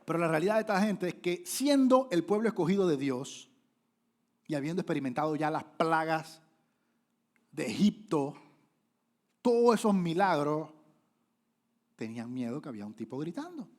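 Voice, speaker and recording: Animated pastor preaching. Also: male voice, fairly high pitch, normal speed, pauses often. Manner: lively, animated preaching with sudden loud rises and acted-out quotes. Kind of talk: sermon.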